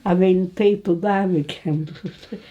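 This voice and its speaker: A woman in her nineties with an East Midlands English accent, reminiscing informally in a halting way, with phrases that trail off. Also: fairly low pitch, fairly even intonation, lo-fi sound. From Retford, England. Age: 90s. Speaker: interviewee recalling her life.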